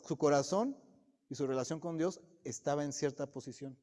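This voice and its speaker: A man's voice: a little high, dark tone. A man preaching a sermon to his congregation, often putting direct questions to the listeners. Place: church sanctuary. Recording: long reverb of a church hall.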